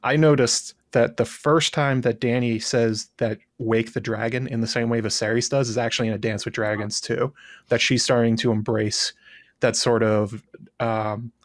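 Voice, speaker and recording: A man co-hosting a fan podcast, laying out his reasoning in a quick, wry, analytical way. His pitch sits mid-range. The sound is close and dry. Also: fairly even intonation, dry recording. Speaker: podcast co-host. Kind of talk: casual chat.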